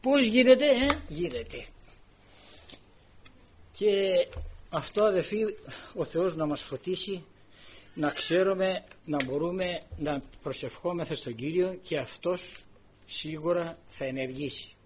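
A man's voice: on the high side, a little hiss or hum. An older man preaching a sermon, telling a personal story and acting out the quoted dialogue with many repeated words.

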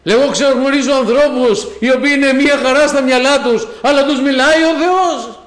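A man's voice: very high-pitched, reverberant. A man preaching a sermon with fervour, speaking to the congregation as brothers and sisters and often crying amen and hallelujah. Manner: fervent, peppered with amen and hallelujah; addresses listeners as brothers and sisters.

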